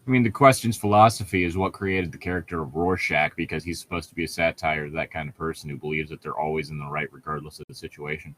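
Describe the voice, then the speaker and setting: Speaking fast with few pauses, a man with an extremely low but fairly bright voice reads fan fiction in a steady tone. As co-host, he interrupts the reading with sarcastic, sweary asides that mock the story.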